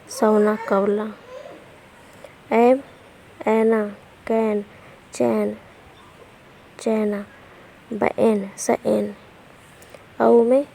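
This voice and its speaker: A woman's voice: fairly high pitch, mellow, slight background noise. A woman giving an online language lesson. She explains step by step, reads letters and example words one at a time, and often checks in with "okay". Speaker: language teacher.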